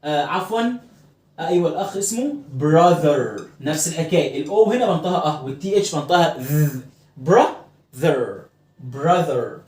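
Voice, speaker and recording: A man with an Egyptian Arabic accent, teaching an English lesson and explaining pronunciation, who often repeats words slowly to drill them. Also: fairly high pitch, animated, darkish tone, reverberant.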